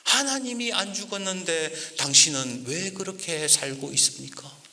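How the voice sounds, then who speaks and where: A man's voice: high voice, normal speed, bright, forceful tone, long reverb tail, exaggerated voice. A man voicing a stern wife in mourning clothes, scolding her husband with indignant questions. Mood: rebuking.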